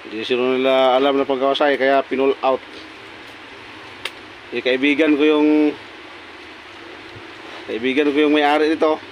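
A man at his workbench talks casually as he takes apart a pump, his mid-range voice steady and unhurried. He keeps pointing out old and new parts in quick remarks. A faint hum of the room sits under his voice. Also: medium pitch, low-quality recording. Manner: talks while working, many short pointing remarks. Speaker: repair technician. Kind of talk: casual repair walkthrough. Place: workshop bench.

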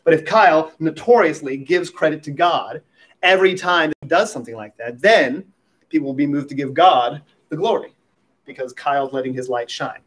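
A man's voice: on the high side, normal speed, a bit bright. A man preaching a sermon at a pulpit microphone as pastor, talking in a conversational way with light humorous asides.

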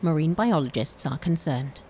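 A woman's voice: low-pitched, animated, normal speed, dark tone, a little hiss or hum. A woman reading scripted nature documentary narration as a voice-over. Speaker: report narrator. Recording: voice-over with music bed. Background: music.

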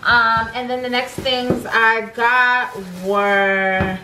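A woman's voice: a little high, little pitch movement, very slow, reverberant, noisy background. A young woman vlogger chatting casually at home in her kitchen, rambling with lots of "um" and "like" as she goes. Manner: chatty, rambling, many fillers. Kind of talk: casual grocery haul chat. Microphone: camera on table in front.

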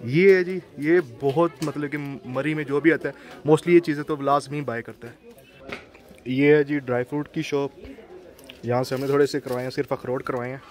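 Here the vlogger has a mid-range, darkish voice, speaking at a moderate pace in a steady tone as he walks outdoors. He casually points out shops and food along a busy hill-town street. The bustle of passers-by is audible all around.

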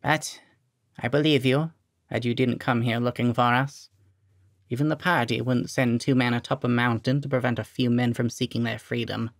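A reedy, gravel-edged old war veteran, as a male narrator puts him on speaks bluntly and wearily. The voice is dry and close, and it is pitched a touch above the narrator's own. It stays guarded and low-key throughout. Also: fairly even intonation, moderate pace, no room sound, close to an everyday voice. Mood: weary. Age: older.

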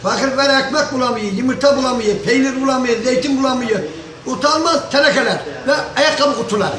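Fiery older man ranting in a high voice. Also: a little fast. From Turkey. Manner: fiery, insulting, repetitive chanting of lists. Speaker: local villager commenting on politics. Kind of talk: angry political rant. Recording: echoey, crowd audible behind.

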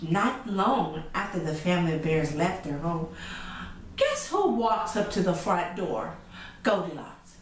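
A middle-aged woman who hosts a children's show reads a story, speaking expressively and directly to young listeners in a lowish, slightly slow voice with big pitch swings. She's in an indoor room with a chalkboard backdrop, captured from a distance with echo and faint noise.

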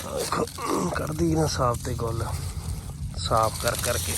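Punjabi farmer guy vlogging in the field, casual folksy talk, normal pitch, loud tractor type noise around him. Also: measured pace, creaky. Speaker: farm vlogger. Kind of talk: casual vlog chat. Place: outdoors in farm fields beside a running harvester. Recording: loud machinery and vehicle noise outdoors.

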